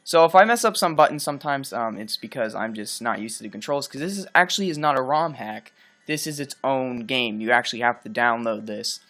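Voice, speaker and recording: A man's voice: mid-range voice, animated, fairly quick, a bit bright. Rambling let's play guy. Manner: rambling, casual, with many fillers. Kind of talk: game commentary. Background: faint game music.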